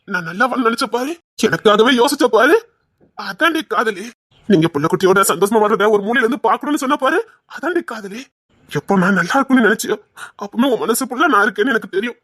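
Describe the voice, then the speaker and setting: A man's voice: high voice, expressive, brisk, dry recording, clean studio sound. A man playing a furious, grieving husband. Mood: pleading. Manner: forceful, choked, pleading.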